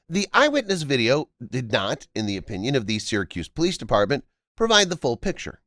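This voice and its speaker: A man reading scripted narration for a news-story video in a formal, measured explainer manner. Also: medium pitch, fairly bright tone, dry recording, studio quality.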